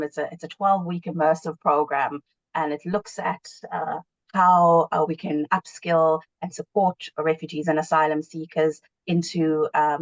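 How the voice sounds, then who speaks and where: A woman's voice: sits low, no room sound, muffled recording. A woman from South Africa, a panel guest answering earnestly and reflectively on a webinar. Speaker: panel guest, award winner.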